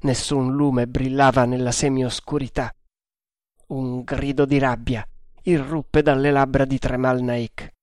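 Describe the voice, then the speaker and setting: A man reading an adventure novel aloud in a measured, deliberate narration. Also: mid-range voice, level tone, a little mellow, dry recording, studio quality.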